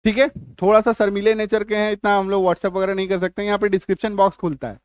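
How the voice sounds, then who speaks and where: In Hindi, a middle-aged man teaches English spelling and pronunciation, going over the rules repeatedly and frequently checking that students keep up. His voice is high and smooth, his delivery flat and quick, and the clean studio recording has no room sound.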